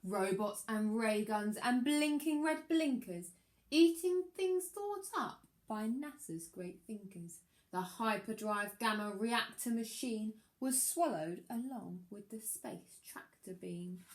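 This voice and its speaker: Like a primary teacher at story time, a woman reads a children's picture book aloud slowly, her voice on the high side. Her delivery is expressive, and she stresses the rhymes dramatically.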